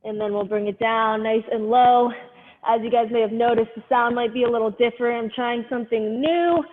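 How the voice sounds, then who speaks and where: A woman's voice: on the high side, fairly even intonation, a little fast. A woman leading a live workout class over a headphone mic, cueing each movement step by step in a directive way. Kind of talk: live group exercise instruction. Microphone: headphone microphone. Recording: muffled lo-fi headset sound, long reverb.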